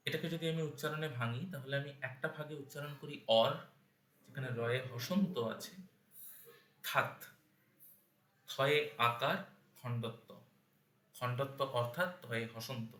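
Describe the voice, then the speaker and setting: A man's voice: medium pitch, bright, forceful tone, reverberant. A man giving a spoken lesson on verse meter, patiently breaking words into syllables one by one. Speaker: teacher of Bengali verse meter.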